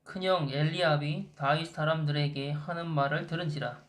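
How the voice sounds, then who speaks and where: A man reading Bible passages aloud in a measured way, as a co-host. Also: on the high side, fairly even intonation. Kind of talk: scripture reading.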